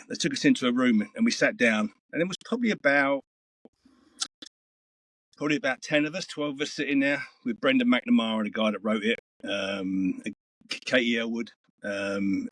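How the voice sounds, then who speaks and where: A middle-aged man appears as a guest in a casual interview chat, spinning rambling, earthy stories peppered with swearing. His voice is lowish and fairly bright with a breathy edge, and the recording is dry.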